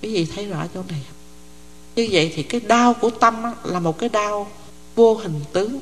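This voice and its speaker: A woman's voice: medium pitch, a little fast. An older woman gives a Buddhist dharma talk in a plain, chatty teaching voice. She keeps stopping to ask whether her listeners follow. Her words ring out with a long tail of reverb, as in a large hall. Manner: conversational, often checks the audience follows.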